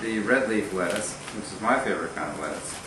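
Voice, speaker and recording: A man's voice: fairly low pitch, lively intonation, fairly quick, music in the background. A man giving a casual cooking demonstration as host, plain-spoken and talking as if to a buddy. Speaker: cook hosting a cooking show. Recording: noisy live room sound.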